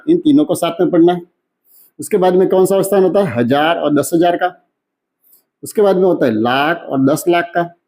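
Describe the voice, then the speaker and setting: A man teaching a maths lesson in who keeps asking questions and answering them himself, slowing down when he reads out numbers. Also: fairly high pitch, dark tone, breathy edge. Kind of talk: classroom lesson explanation.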